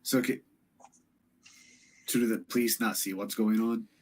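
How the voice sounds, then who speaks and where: Low-voiced, questioning male player. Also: fairly even intonation, normal speed, a crowd in the background, low-quality recording. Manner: questioning, practical. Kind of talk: casual chat at a gaming table.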